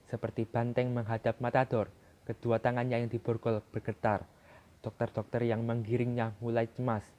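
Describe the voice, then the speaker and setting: A man's voice: medium pitch, dark tone. A man doing a dramatic reading of a literary short story, narrating expressively and raising his voice at climaxes.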